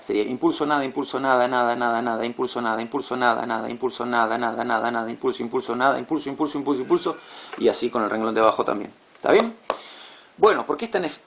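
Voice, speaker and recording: Gravelly man teaching a class. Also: mid-range voice. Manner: patient, repeats words, asks "¿sí?" to check. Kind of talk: classroom lecture.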